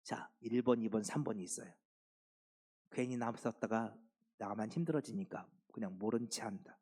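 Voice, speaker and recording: A man's voice: lowish voice, moderate pace, warm tone. A man in his fifties, a pastor preaching a sermon and posing questions to his congregation.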